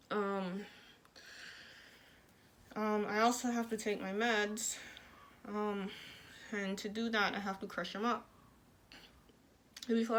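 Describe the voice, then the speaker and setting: A woman's voice: mid-range voice, a bit bright. A woman talking casually in a personal vlog, speaking through clenched teeth with little mouth movement. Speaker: vlogger sharing recovery from jaw surgery.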